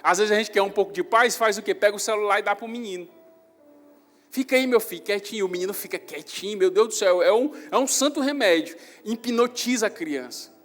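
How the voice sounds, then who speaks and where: A young man, a pastor with a Northeastern Brazilian accent, preaching a sermon in a church hall with animated storytelling that rises loud on emphasis. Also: high-pitched, fast, few pauses. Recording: reverberant church hall with faint music.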